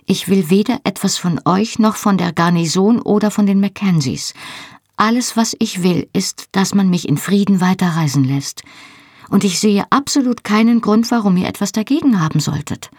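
A woman's voice: medium pitch, animated, a little mellow, husky, dry recording, clean studio sound, voice pushed up. A woman doing a defiant young woman being questioned. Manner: quick-witted, defiant. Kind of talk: audiobook reading.

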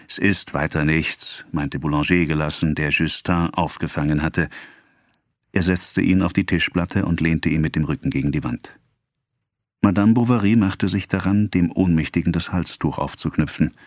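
Deep male narrator, steady measured read, dry booth sound. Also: dry recording. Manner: even, measured reading. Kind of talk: scripted audiobook narration.

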